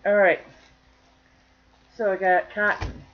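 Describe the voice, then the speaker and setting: A woman's voice: mid-range voice, little pitch movement, slow. Woman, crochet vlogger, casual chat to camera, folksy, joking, slightly dull lo-fi recording. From northern Michigan.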